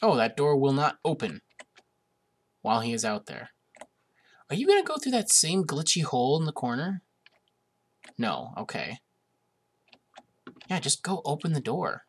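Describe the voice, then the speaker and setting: His voice is a little high and slightly rough, swinging hugely in pitch at a normal speed with long pauses. He's a young man recording a let's-play while recovering from a cold, a bit sniffly, chatting casually and amused, with many uhs.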